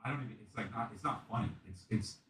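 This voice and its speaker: A man in his thirties telling a comic story in casual, animated and profane style, often acting out voices. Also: lowish voice, quick pace. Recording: echoey room, distant mic, faint noise.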